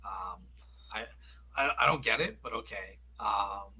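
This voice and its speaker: A man's voice: on the low side, a little slow, bright, forceful tone, a little hiss or hum, rough recording. A man from Canada hosting a casual chat, reading viewer comments and laughing easily. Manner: laughs easily, light and self-deprecating.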